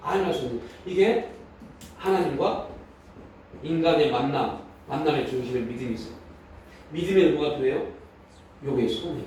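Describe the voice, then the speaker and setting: Male pastor, sermon delivery, rhetorical questions; high voice, distant mic, faint noise. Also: fairly quick, long pauses, a little mellow. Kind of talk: sermon at prayer meeting. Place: church hall. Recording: echoey hall from a distant mic.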